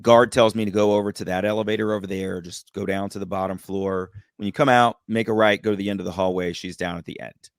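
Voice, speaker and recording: A man telling a personal story as a podcast guest, lively and acting out the voices of the people in it. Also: sits low, quick pace, few pauses, dry recording, studio quality. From United States. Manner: animated, acts out quoted voices. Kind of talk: storytelling in a casual interview.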